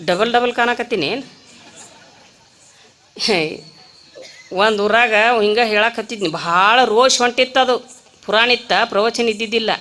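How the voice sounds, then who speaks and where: A woman preacher with a North Karnataka accent giving a comic religious discourse in a temple, telling stories with rustic humor and quick asides to the audience. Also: fairly high pitch, fairly bright tone. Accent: North Karnataka Kannada. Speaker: spiritual preacher.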